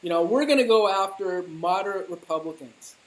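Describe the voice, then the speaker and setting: A woman's voice: on the low side, lively intonation, a little fast, low-quality recording. A woman talking politics in casual chat, heated and mocking, with a lot of swearing. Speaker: political commentator.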